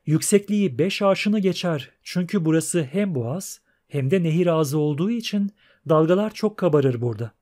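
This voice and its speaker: A man reading the part of a learned young female poet, explaining things in an even, plain manner. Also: a little high, moderate pace, close to an everyday voice. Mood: patient.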